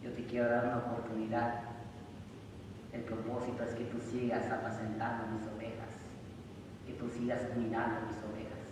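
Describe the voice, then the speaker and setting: A man preaching a sermon and reading scripture, rising loudly for emphasis. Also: medium pitch, monotone, moderate pace. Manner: emphatic, loud rises when reading scripture. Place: church sanctuary. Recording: echoey hall from far off, noisy.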